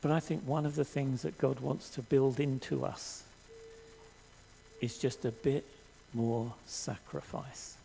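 An older man preaching a sermon in a church hall, earnest and measured, reading scripture aloud to the congregation. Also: mid-range voice, fairly even intonation, gravelly, dark tone, a little hiss or hum. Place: church hall stage with audience.

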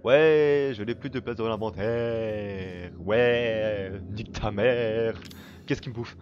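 A man giving casual gameplay commentary while he plays, swearing constantly and breaking into excited outbursts. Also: lowish voice, slow, muffled recording, soft background music. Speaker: let's play gamer.

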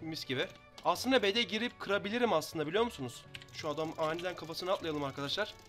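A young man from Turkey giving excitable commentary on his own Minecraft match, taunting opponents in quick banter. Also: high-pitched. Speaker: gaming YouTuber. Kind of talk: live Minecraft gameplay commentary.

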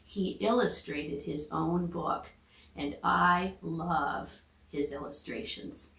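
A middle-aged American woman who works as a teacher reads a children's storybook aloud with expressive narration. Her voice is low-pitched, slow, and gravelly. It was recorded in an echoey room at home.

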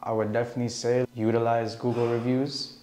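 A young man from Canada, a barber talking in a relaxed, casual way as a guest on a studio interview, on a lapel mic. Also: medium pitch, fairly quick. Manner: laid-back, relaxed, leans on "like" and "bro". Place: studio set, indoors. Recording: echoey room.

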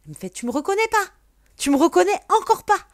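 A woman mimicking a shrill pushy stranger. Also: sing-song, a little fast, no room sound, clean studio sound. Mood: indignant. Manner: shrieking, insistent.

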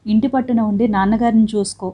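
A woman's voice: a little high, fairly even intonation, fast, warm tone, close to an everyday voice. A woman reading the part of a stubborn young husband who speaks reproachfully and firmly. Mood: resentful. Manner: sulky, reproachful and firm.

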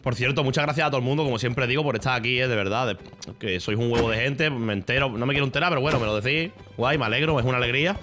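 A man's voice: medium pitch, very fast, bright, forceful tone, soft background music. A man with a Spain Spanish accent, streaming a game and chatting casually, crude, joking and rambling with lots of slang.

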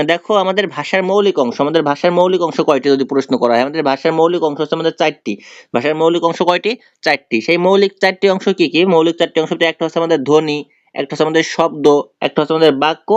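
A young tutor runs an exam-prep lesson, walking through each step and going back over the key answers. His voice is a little high, and the recording is dry with a slightly dull sound.

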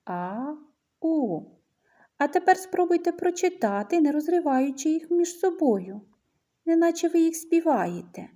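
A woman's voice: fairly high pitch, dark tone. A woman teacher giving an early reading lesson to young children, patiently coaxing them to name and sing sounds.

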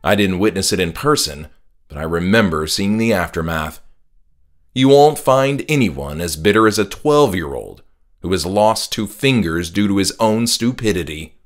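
This author narrates his own scripted horror audiobook in the first person, dramatically, with music playing underneath. The man's low-pitched voice is animated and moves at a moderate pace.

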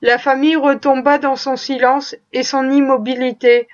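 A woman narrating a classic tale as an audiobook, with measured, expressive storytelling. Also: high-pitched, highs cut off.

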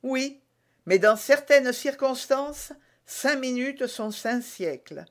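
A man's voice: very high-pitched, animated, slow, a bit bright, voice pushed up, exaggerated voice. A man with a French accent voicing an anxious, secretive young woman in an audiobook, pleading and urgent. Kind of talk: audiobook reading.

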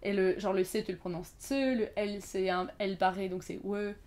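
A young woman in her twenties talks as a podcast guest in a relaxed, chatty way. She strings her thoughts together with fillers and restarts, never quite finishing one sentence before the next begins. Her pitch sits in an ordinary middle range. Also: brisk. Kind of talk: casual conversation.

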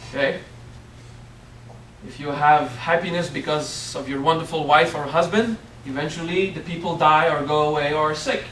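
Fairly high in pitch and fairly bright, the middle-aged man speaks at a moderate pace with a little hiss or hum in the background. He has a French accent and gives a playful spiritual workshop talk full of "okay?" check-ins, captured far off by a camera in an echoey hotel meeting room.

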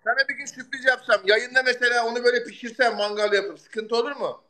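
High, bright-voiced excitable male streamer. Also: fast. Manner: loud, excitable, shouts gift thanks; swears casually. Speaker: livestream host. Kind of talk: casual live-stream chat.

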